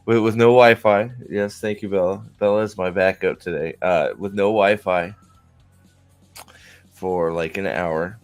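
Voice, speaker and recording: A man's voice: low voice, fairly even intonation, a little slow, faint music behind. A man in his forties chatting casually on a livestream, joking around and rambling with lots of restarts and fillers. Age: 40s. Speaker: streamer. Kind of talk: casual chat.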